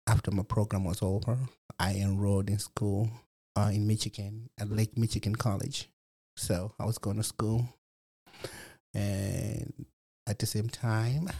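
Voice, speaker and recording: Gravelly man sharing his story. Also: lowish voice, warm tone. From Malawi. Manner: reflective, many fillers like "you know". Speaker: program resident guest. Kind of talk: personal testimony interview.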